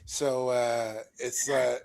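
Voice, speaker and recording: A French Canadian man, French his first language, talks at a very slow pace in casual conversation. His French Canadian accent comes with a hesitant, apologetic manner, often searching for the next word. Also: medium pitch, darkish tone. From French-speaking Ontario, Canada. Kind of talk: casual chat on a live call-in show.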